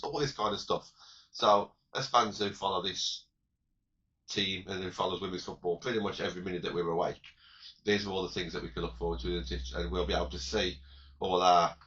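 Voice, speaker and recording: Deep-voiced, croaky man in casual chat. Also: fairly bright tone, dull audio. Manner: rambling, repeats words and restarts, chatty. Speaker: podcast co-host. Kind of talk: casual fan podcast chat.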